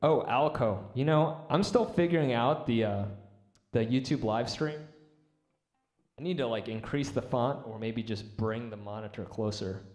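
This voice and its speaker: A man's voice: mid-range voice, normal speed, darkish tone, echoey room. A man live-streaming his music, chatting casually with viewers and answering their comments in an easygoing, rambling way. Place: room set up for live music. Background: instruments.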